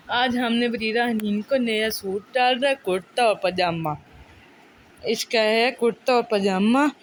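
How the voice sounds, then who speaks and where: A woman's voice: on the high side, fairly bright tone, a little hiss or hum. A young mother, talking to her infant in cooing, sing-song baby talk.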